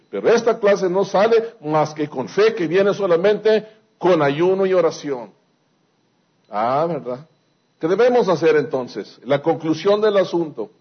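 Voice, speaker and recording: A man's voice: sits high, slightly rough, highs cut off. A man preaching a sermon, asking rhetorical questions and repeating phrases for emphasis. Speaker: pastor.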